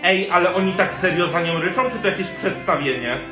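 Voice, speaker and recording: A man performing playful point-of-view comedy sketches, switching quickly between characters. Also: sits high, roomy sound, over music.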